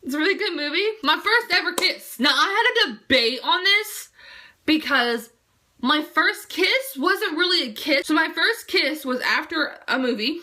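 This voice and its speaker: A woman's voice: high voice, sharp tone. A teenage girl chatting casually to camera in a vlog, rambling with lots of fillers and restarts. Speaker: vlogger. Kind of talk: casual chat.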